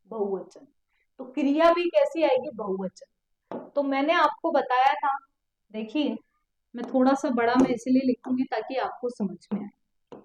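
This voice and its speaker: A woman's voice: high voice, a little mellow, reverberant, rough recording. A woman teaching an exam prep lesson, who explains step by step, repeats key words and keeps quizzing her students. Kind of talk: online exam coaching lesson.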